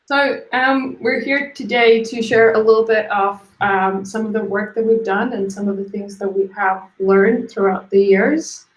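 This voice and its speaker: A guest designer from Latvia gives an informal, light-hearted career talk over a live online video call from indoors. Her mid-range voice is fairly even and a little slow, with hardly any pauses, and the call sounds roomy and echoey.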